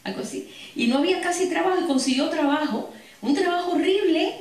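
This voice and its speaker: A woman's voice: very high voice, expressive, fairly quick, darkish tone. A woman preaching a sermon and telling stories to her congregation with frequent asides. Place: church hall. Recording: echoey hall, distant mic.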